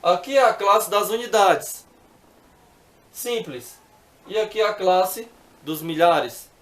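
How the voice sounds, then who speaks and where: A man's voice: high-pitched, expressive, slow, a bit bright, reverberant. A man teaching math, working through exercises patiently step by step and often checking in with the viewer.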